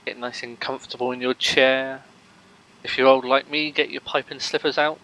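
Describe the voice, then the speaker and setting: A man's voice: mid-range voice, flat delivery, moderate pace, sharp tone, poor audio. Joking, rambling male race commentator. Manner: rambling, filler-heavy, jokey banter. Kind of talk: live sim racing commentary.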